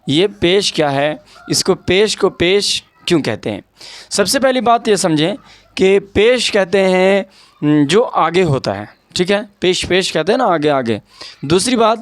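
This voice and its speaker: A man's voice: sits high, no room sound. A man teaching an Urdu grammar lesson. He explains patiently, repeats key words and checks in with the listener. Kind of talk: explaining a lesson over an on-screen document.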